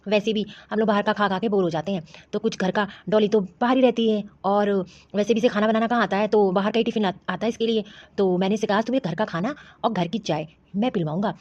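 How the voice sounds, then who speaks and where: A woman voicing a bossy, dismissive young husband and son in an animated cartoon. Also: medium pitch, fast, hardly any pauses, dry recording, lightly acted. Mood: casual. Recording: dry, dull lo-fi audio.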